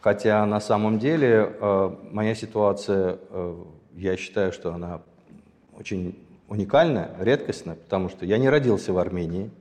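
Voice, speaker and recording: A man in his sixties from Azerbaijan, a guest telling his life story in a measured, thoughtful way and pausing to find his words. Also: fairly low pitch, darkish tone. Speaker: interview guest. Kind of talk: reflective personal storytelling. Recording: long hall reverb.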